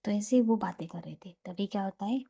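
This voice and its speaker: A woman narrating a romantic story in a soft, intimate manner, often dropping to a half whisper. Her voice is warm and dark, breathy, with noticeable vocal fry. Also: medium pitch, fairly quick.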